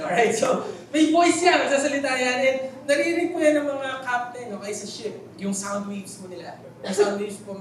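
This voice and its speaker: A man with a Filipino accent, preaching a sermon in a church hall, telling stories with jokes and asking the congregation questions. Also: very high voice. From Philippines. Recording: very echoey hall, voice from far off, faint noise.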